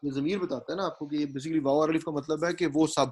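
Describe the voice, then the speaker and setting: Guy teaching grammar, keeps asking "got it?", spells stuff out slow, mellow tone. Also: on the high side, fairly even intonation, breathy edge. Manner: patient, explanatory, often checks understanding; mixes English words into his speech. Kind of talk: grammar lecture.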